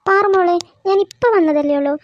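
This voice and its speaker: A woman's voice: very high voice, fairly quick, muffled recording, a little hiss or hum. A woman voicing a bossy young woman scolding her little sister in a cartoon. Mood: pleading. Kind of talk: cartoon voice acting.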